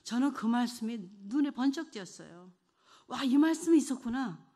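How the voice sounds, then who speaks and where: A middle-aged woman giving an emotional church testimony, earnest, moving between hushed and fervent delivery. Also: on the high side, animated, moderate pace.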